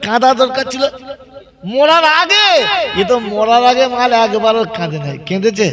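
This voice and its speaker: A man's voice: very high-pitched, sing-song, moderate pace. A man with a West Bengal Bengali accent preaching a waz sermon, telling anecdotes and quizzing his audience. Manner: chanted sung opening, then storytelling that questions the crowd. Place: religious gathering with a crowd.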